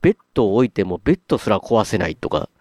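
A man with a Kansai Japanese accent chats casually as a podcast co-host. He tells his stories in a lively way, acting out his own startled reactions, and his pitch rises and falls widely. His lowish voice sounds dry and close to the mic. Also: very fast, no echo.

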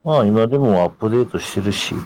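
A man hosting a casual podcast, speaking in a relaxed way and mostly giving short replies. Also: fairly low pitch, quick pace, no room sound, poor audio. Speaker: podcast host.

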